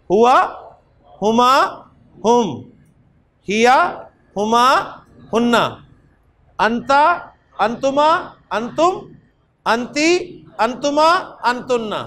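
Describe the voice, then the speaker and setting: High-voiced man teaching class. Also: fairly bright tone. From Pakistan. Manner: patient, repetitive, often adds "ji". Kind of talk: classroom lecture with recitation drills. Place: classroom with students.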